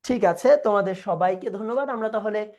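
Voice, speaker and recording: A woman's voice: mid-range voice, fairly quick, a little mellow. A young adult woman, teaching a live online class and asking questions that she then answers herself.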